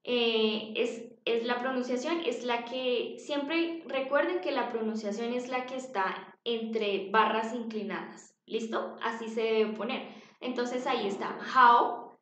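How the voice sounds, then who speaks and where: A woman's voice: on the high side, unhurried. A woman teaching an English lesson to young children, patient, repeating words for them to copy. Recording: dull, echoey home recording.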